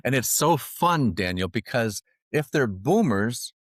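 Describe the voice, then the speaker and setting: Animated, joking man telling a story. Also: medium pitch, a little slow, no echo, clean studio sound. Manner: animated, jokey storyteller who laughs at his own lines. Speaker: financial advisor guest. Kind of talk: storytelling podcast interview.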